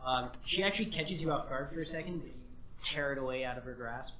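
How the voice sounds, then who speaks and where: A man's voice: medium pitch, quick pace, sharp tone. Male game master in echoey room. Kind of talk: casual narration of a tabletop game. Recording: echoey room with people chattering.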